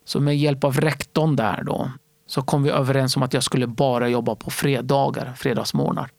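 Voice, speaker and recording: Gravelly, animated male storyteller. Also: medium pitch, no echo. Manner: animated, acts out other people's voices. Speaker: stand-up comedy entrepreneur and guest. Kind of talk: casual interview storytelling.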